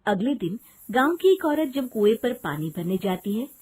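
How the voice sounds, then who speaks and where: A woman's voice: on the high side, normal speed, noisy background. A woman narrating a Hindi cartoon story. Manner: lively storytelling.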